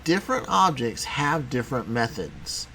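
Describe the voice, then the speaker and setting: A man teaching a programming lesson in a casual, conversational way, talking as he clicks through software. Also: mid-range voice, wildly swooping pitch, normal speed, slight background noise. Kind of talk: screen-recorded coding tutorial.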